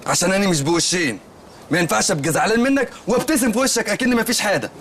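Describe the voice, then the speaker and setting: A naive Egyptian shopkeeper. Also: male voice, sits high, rapid-fire, a bit bright, a little hiss or hum. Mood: earnest. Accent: Egyptian Arabic. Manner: rambling, literal-minded storytelling. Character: naive male shopkeeper, simple-minded and earnest. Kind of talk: comedy film dialogue.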